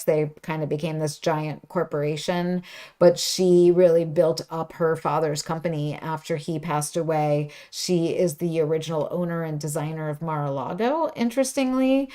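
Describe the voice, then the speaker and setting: A woman's voice: low voice, warm tone. A woman hosting a knitting livestream from her studio, chatting casually and rambling through asides. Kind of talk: casual live-stream chat.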